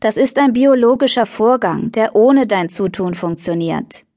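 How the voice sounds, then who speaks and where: Know-it-all schoolgirl, woman reading in an audiobook, cool and dry, quite high voice. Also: expressive, a little slow, a little mellow, no room sound.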